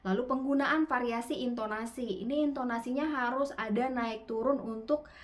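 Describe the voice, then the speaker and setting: A woman teaching public speaking in an online webinar, with lively rising and falling intonation and casual fillers. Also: a little high, normal speed. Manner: gestures constantly with her hands; casual Indonesian fillers like "gitu ya".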